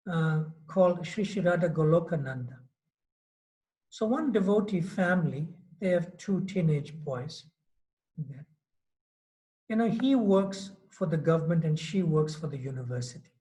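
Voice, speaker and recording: A mellow, high-pitched male voice comes through a low-quality recording of a devotional class in Mauritius. The speaker is a swami nearing sixty who talks informally and keeps saying "you know."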